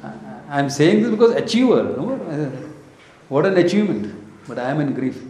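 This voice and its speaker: A man's voice: fairly high pitch, sing-song, fairly quick, warm tone, slight background noise. A man with an Indian accent giving an informal spiritual lecture, telling stories in short emphatic phrases, asking rhetorical questions and slipping into Hindi and Sanskrit. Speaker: spiritual teacher. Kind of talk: informal scripture lecture with storytelling. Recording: echoey room.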